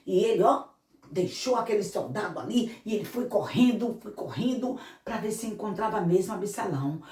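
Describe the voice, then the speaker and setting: A woman missionary telling a Bible story to children, animated and speaking to them directly. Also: medium pitch, moderate pace. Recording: echoey room, mic far off.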